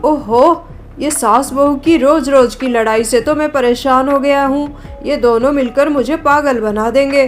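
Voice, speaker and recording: A harried young husband grumbles at a slow, drawn-out pace in a cartoon story, voiced by a woman. The voice sits high for a man and sounds exasperated. Soft music plays behind him. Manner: exasperated, complaining. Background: background music.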